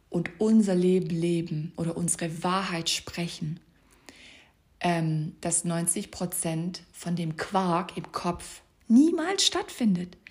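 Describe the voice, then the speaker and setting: A woman coaching the listener in a soft, partly whispered voice. Her voice sits a little low. She gives calm, direct instructions, speaking straight to one person. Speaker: life coach. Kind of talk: motivational coaching talk.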